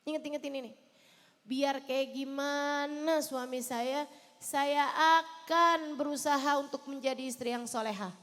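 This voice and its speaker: High-voiced woman preaching in a hall. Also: steady tone, unhurried. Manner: impassioned, addressing wives directly, swinging between loud emphasis and soft pleading. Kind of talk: sermon. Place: large hall at a religious celebration.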